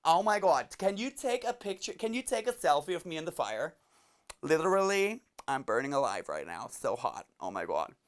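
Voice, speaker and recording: A man's voice: on the high side, big pitch swings, normal speed. A man voicing a self-absorbed teenage girl who gushes dramatically. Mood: vain. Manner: gushing, dramatic valley-girl talk.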